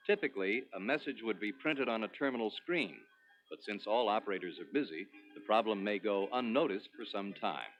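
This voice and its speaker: A man presenting a product demonstration in a scripted, instructional promotional narration with clearly structured delivery. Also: fairly low pitch, fairly bright tone. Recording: dull lo-fi 1980s demo recording.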